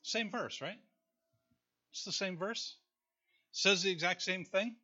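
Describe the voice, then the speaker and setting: Bright-voiced man preaching a sermon. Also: high voice, takes it slowly, highs cut off. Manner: conversational preaching, reads scripture aloud, jokes with the congregation. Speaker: pastor.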